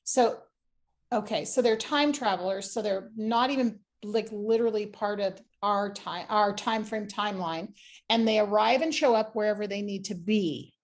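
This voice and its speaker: A woman's voice: medium pitch, moderate pace. A woman psychic giving a reading in casual chat, rambling with lots of "like" and restarts.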